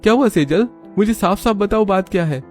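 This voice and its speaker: A man's voice: high voice, lively intonation, fairly quick, a little mellow, faint music behind, pitched above the performer's own voice. A man voicing an emotional young husband from a rich family, talking passionately. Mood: alarmed. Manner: emotional, impassioned.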